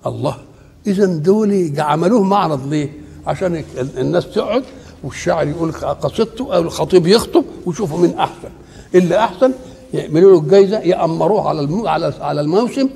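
A man with an Egyptian Arabic accent gives a religious lecture on Quran commentary, his voice a little higher than most men's and rough with gravel. He keeps throwing rhetorical questions at his listeners for them to finish. The recording carries the long reverb of a large hall. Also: darkish tone. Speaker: Quran teacher.

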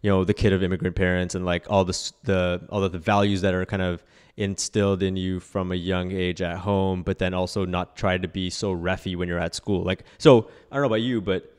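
A man's voice: low-pitched, flat delivery, fairly quick, darkish tone, smooth. A man, a Gujarati speaker, chatting casually and slangily on a podcast. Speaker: podcast host. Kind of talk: casual chat. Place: dark indoor podcast studio. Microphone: close podcast mic on boom arm.

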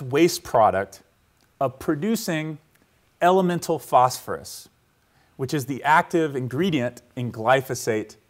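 A man giving a university lecture to a live audience in a hall. He talks conversationally, keeps checking in with the room, and walks listeners through a scene he asks them to picture. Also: on the high side.

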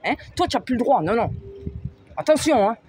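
Agitated high-voiced woman ranting. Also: sing-song, a little fast, a little mellow, slight background noise. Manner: agitated, heated, talks at the viewer with frequent "hein?". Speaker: mother vlogger. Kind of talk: angry rant to camera. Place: in a vehicle on the road.

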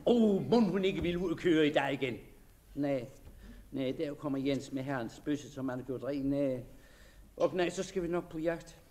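Male narrator, dramatic diary reading, hesitant and shy, fairly high voice, soft dreamy stretches.

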